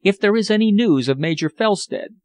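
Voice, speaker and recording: A man's voice: high voice, animated, brisk, darkish tone, dry recording, pitched above the performer's own voice. A man doing a deferential elderly butler. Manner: deferential, formal.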